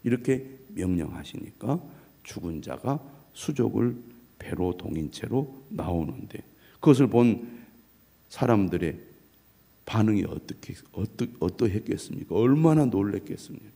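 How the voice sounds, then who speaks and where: A middle-aged man, a pastor, preaching an early morning sermon in a measured way and reading scripture aloud. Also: on the low side, lively intonation, gravelly, warm tone, breathy edge.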